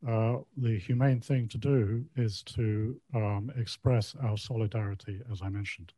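A man's voice: on the low side, fairly even intonation, mellow, dry recording. An older retired man giving a polite public comment, hesitant with many ums and uhs. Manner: polite, measured.

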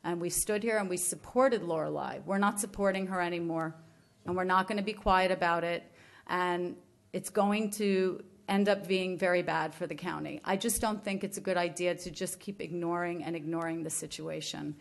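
A woman's voice: fairly low pitch, steady tone, normal speed, gravelly. A woman giving public comment at a county budget hearing, an elected official who is angry and struggling to stay composed. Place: county commission chamber.

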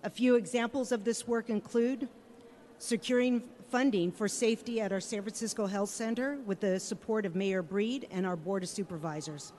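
Woman, organisational leader at a podium, medium pitch, formal measured speech in short phrases, long hall reverb. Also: fairly even intonation, a little mellow, slight background noise. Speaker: nonprofit chief executive, guest speaker.

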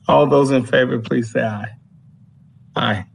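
A man's voice: medium pitch, steady tone, takes it slowly, creaky, slight background noise. A man chairing a formal commission meeting in an easygoing way, with brief procedural prompts. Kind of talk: running a formal meeting, informal asides.

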